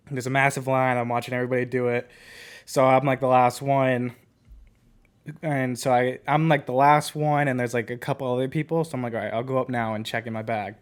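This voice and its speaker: A man's voice: medium pitch, clean tone. A man co-hosting a podcast, casually telling a rambling story full of filler words. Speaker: podcast co-host.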